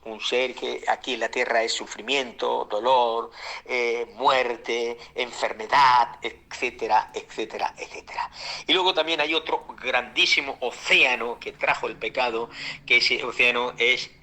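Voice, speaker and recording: A man's voice: medium pitch, fairly even intonation, unhurried, pushed and bright. A man preaching a Bible-school sermon as pastor, fervent, with many fillers, repeated words and whispered asides, addressing his listeners as brothers.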